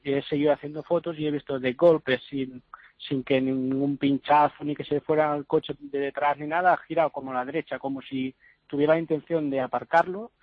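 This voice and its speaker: A man, a photographer, describing what he saw as an eyewitness over the phone, in halting speech with many restarts. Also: on the high side, steady tone, no room sound. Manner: halting, restarts words, plain retelling. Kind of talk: eyewitness account. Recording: muffled lo-fi line.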